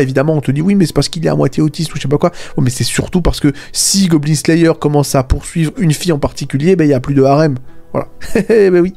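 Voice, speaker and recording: A man's voice: sits high, a little mellow. A man giving a casual spoken video essay as an anime critic, sarcastic, often dropping "voilà" and "hein" between points. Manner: sarcastic, fillers like "voilà" and "hein", mocking asides.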